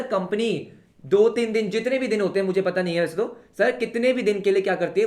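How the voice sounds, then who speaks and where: A young man teaching a live online commerce class in Hinglish, who keeps asking the students rhetorical questions and calls them beta. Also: high-pitched. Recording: echoey room.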